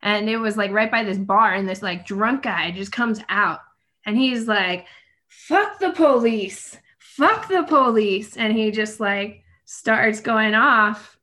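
A woman from New Mexico talks as a podcast guest, chatty and quick to jump in with her own stories. Her voice is bright and forward at an average pitch. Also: fairly even intonation. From New Mexico, USA. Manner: chatty and laughing, jumps in with her own anecdotes. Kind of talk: casual podcast chat.

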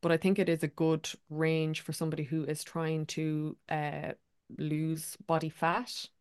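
A British woman co-hosting a casual fitness podcast, quick and teasing, often laughing. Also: low voice, little pitch movement, a little mellow, smooth, no echo, clean studio sound. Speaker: podcast co-host. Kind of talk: casual Q&A chat.

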